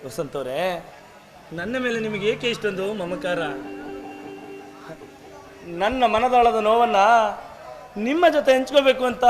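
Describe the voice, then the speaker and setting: A sorrowful young outcast man, played by a male actor, pours out his grief in a very high, slow, theatrical stage delivery. The recording is from a live village drama, with music playing clearly behind the voice. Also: lightly acted. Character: grieving young man cast out by his family.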